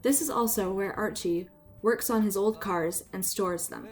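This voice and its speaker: Female narrator, scripted family-video voice-over, soft music bed. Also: medium pitch, a little slow.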